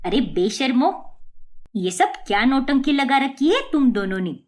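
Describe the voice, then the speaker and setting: A woman's voice: high voice, animated, unhurried. A woman voicing a stern, proud mother-in-law who scolds her daughters-in-law in a cartoon story. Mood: scolding. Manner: scolding, angry.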